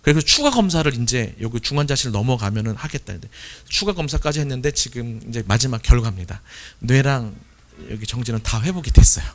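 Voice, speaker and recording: A man preaches to his church in a mid-pitched voice that swings widely as he tells a personal story. He slips into quick acted quotes now and then. His delivery stays conversational and animated. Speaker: pastor. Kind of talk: sermon testimony.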